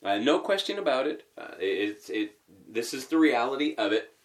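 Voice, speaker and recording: A man's voice: medium pitch, very animated, normal speed. A man giving a conversational sermon, posing rhetorical questions and thinking aloud with fillers as he teaches. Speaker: preacher.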